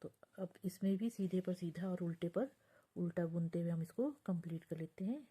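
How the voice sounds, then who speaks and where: Soft-spoken mellow woman teaching knitting. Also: fairly low pitch, normal speed, breathy edge. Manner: patient, counts stitches aloud, often drops to a soft near-whisper. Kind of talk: step-by-step knitting tutorial.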